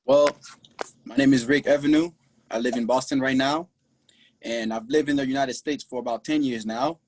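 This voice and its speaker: A young Haitian man joins a podcast over a video call from his clothing shop, speaking earnestly and proudly in short, halting bursts. His mid-range voice is steady with a darkish tone, the recording dry, and the talk is a casual interview.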